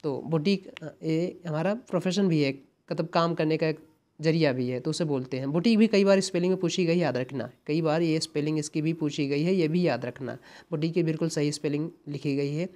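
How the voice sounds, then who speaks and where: Brisk and a little mellow, a man with a fairly high pitch tutors exam English. His step-by-step explanations come with repeated key words and frequent tag questions, typical of exam preparation.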